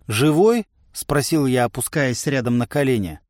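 A man narrating a first-person audiobook in a lively, ironic manner. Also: mid-range voice, normal speed, dry recording, clean studio sound.

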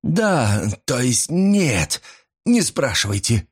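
A man's voice: very animated, takes it slowly, breathy edge, full character voice. Man putting on a frantic old pawnbroker. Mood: agitated. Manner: breathless, pleading, rising into shrill panic.

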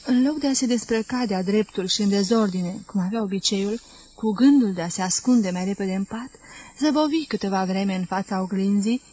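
A woman reading a literary novel aloud as an audiobook narrator, in a measured, steady storytelling manner. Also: mid-range voice, poor audio. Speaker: audiobook reader.

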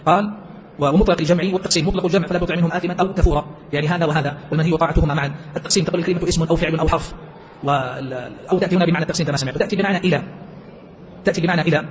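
Male teacher, rapid explanatory delivery, slightly dull recording. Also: a little high, a little hiss or hum. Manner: rapid, explanatory, quotes verses in between. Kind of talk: classroom text commentary.

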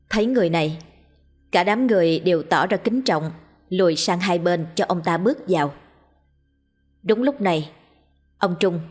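A woman narrating a scripted ghost story in an even, measured storytelling manner. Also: on the low side. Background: faint music.

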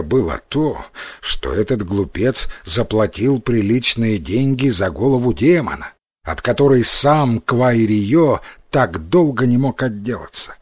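A man narrating a folk tale in a scripted, expressive storytelling manner. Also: medium pitch, husky, dry recording.

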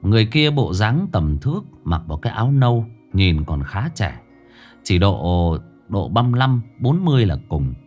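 A man's voice: on the low side, big pitch swings, normal speed, darkish tone, faint music behind. A man narrating a ghost story expressively.

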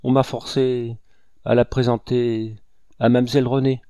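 A man's voice: medium pitch, little pitch movement, measured pace, warm tone, clean tone, no echo, voice pushed up, close to an everyday voice. A man reading an audiobook, voicing a terrified woman servant who begs in broken, desperate phrases. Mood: halting confession. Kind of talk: audiobook character voice.

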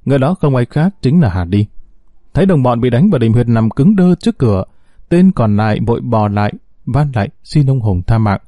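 A man narrating a scripted story in a steady, measured way. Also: medium pitch, no echo, studio quality.

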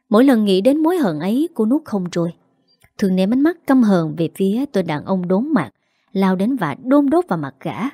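A woman narrating a romance drama story in a steady, dramatic storytelling voice. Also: medium pitch, no room sound, clean studio sound. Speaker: audiobook narrator.

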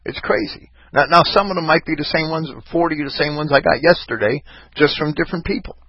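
Man, talk show host, rambling rant, fairly high voice, dry and muffled voice-chat audio. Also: quick pace, breathy edge, no echo. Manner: rambling, ranting, many restarts. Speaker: podcast host. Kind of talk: casual call-in talk show. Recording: dull lo-fi online voice chat.

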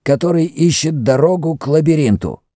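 A man putting on a stern, high old priest. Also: animated, moderate pace, warm tone, no echo, clean studio sound. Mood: commanding.

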